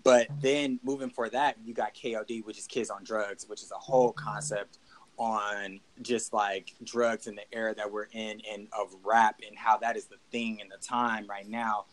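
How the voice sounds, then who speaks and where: Animated man debating hip hop. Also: lowish voice, moderate pace, low-quality recording. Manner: animated, emphatic with rising bursts. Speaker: podcast co-host.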